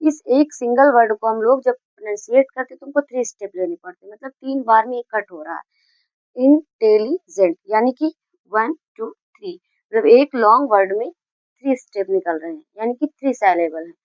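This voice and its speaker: A woman's voice: a little high, no room sound. Muffled Hindi-accented woman teaching grammar. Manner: explains slowly with repetition and self-corrections. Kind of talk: classroom-style grammar lesson.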